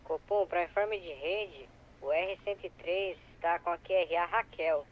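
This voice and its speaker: A man's voice: high voice, measured pace. A man playing a police officer in a game roleplay, giving short reports over a police radio in codes. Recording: dull lo-fi radio voice with faint noise.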